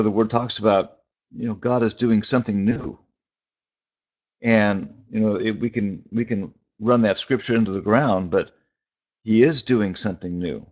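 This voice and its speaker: Heard via a phone conference call, a male preacher and spiritual teacher gives an informal, musing prophetic sermon made of brief, hesitant phrases and long pauses. His voice has a fairly low pitch and a darkish tone, and the sound is dull and band-limited.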